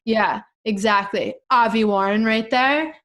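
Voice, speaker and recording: Host casting: young woman, bubbly and teasing, unhurried delivery, easy laughs. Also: on the high side, a bit bright. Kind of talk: casual video interview.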